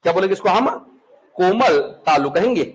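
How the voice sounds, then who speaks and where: In a roughly recorded classroom lecture, a man with a Pahari-influenced Hindi accent speaks fairly quickly with lively intonation and a high voice. He stays patient and chatty, restating his questions to students and checking they follow along.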